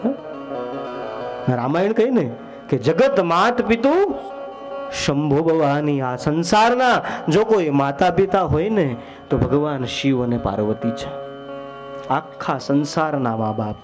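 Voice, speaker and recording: Young storyteller preacher, high lively voice. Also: male voice, unhurried, long pauses, over music. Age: young adult. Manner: animated storytelling, acts out the wife's voice with high, loud outbursts. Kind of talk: devotional story sermon.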